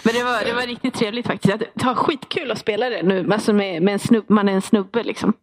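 A woman's voice: mid-range voice, steady tone. A young woman in casual podcast chat about games, playful, blunt and joking. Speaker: podcast co-host.

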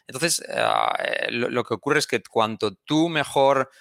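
A man's voice: mid-range voice, unhurried, vocal fry, fairly bright tone, no echo, clean studio sound. A man, an interview guest explaining a teaching method and demonstrating English phrases.

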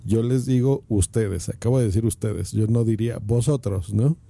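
A man's voice: lowish voice, normal speed, vocal fry, mellow, no echo. A Mexican man giving casual podcasting advice, talking into his phone and asking the listener rhetorical questions. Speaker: podcast host.

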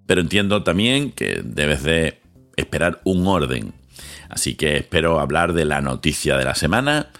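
Deep-voiced man hosting a podcast. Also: very animated, a bit bright, faint music behind. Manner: dramatic pauses, swings between slow emphasis and quick lists. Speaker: podcast host, lawyer. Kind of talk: podcast introduction monologue. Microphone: studio microphone with headphones.

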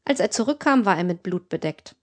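Woman reading an audiobook calmly. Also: medium pitch, fairly quick. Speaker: audiobook narrator. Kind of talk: scripted narration.

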